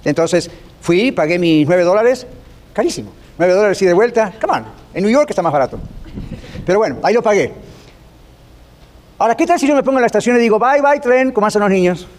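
A man with a high, light voice preaching on the radio in a relaxed, conversational way. He tells everyday stories and slips into playful little voices to make his point. He drops English phrases into his talk. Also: brisk, long pauses.

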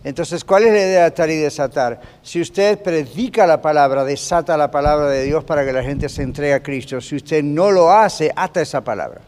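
A male pastor delivers a teaching sermon, his voice sitting a touch high for a man. He talks to the congregation conversationally, keeps asking if they follow, and mixes English fillers into his Spanish. His voice rings with the long reverb of a church hall. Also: a little fast, hardly any pauses, a little mellow, a little hiss or hum.

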